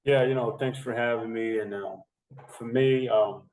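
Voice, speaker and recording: Speaking at a normal speed with a steady, darkish medium-pitched voice, this Dominican man in his thirties chats as a guest in a casual interview. He's a strength and conditioning coach who rambles, restarting often and using many fillers, recorded remotely with an echoey, distant sound.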